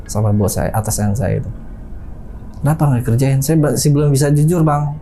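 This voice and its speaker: A young man with a mellow, darker voice tells a personal ghost story in a chatty, casual way. He keeps calling his listener "Bang" and mimics the noises he describes. Faint ambient noise sits behind his voice. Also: a little high, moderate pace.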